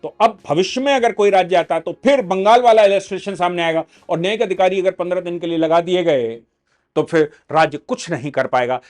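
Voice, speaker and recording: A man's voice: sits high, brisk, a little mellow, soft background music. A man giving emphatic explanatory commentary on a court ruling, as a legal educator, posing rhetorical questions.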